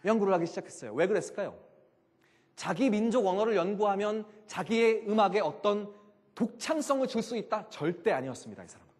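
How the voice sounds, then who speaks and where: Speaking fast in a high register, a middle-aged man delivers an animated, joking classical music lecture to a live audience, peppered with rhetorical questions, with a long reverb tail in the room.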